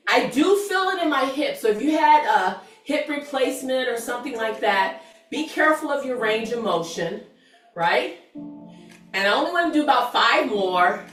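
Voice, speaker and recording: A woman's voice: a little high, a bit bright. A woman aerobics instructor leading an exercise class, encouraging and chatty as she counts and cues each move. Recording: roomy, distant mic, music behind.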